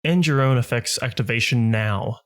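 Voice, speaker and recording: Male reader voicing a cruel young rival duelist, smirking, prone to shouting. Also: medium pitch, normal speed, lightly acted. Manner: cold, smirking, bursts into shouting.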